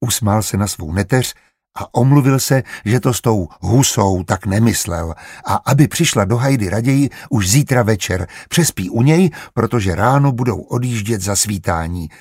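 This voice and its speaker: A man reading a historical novel aloud as narrator, steady and measured. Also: fairly low pitch, slightly rough, dry recording, clean studio sound. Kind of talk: audiobook narration.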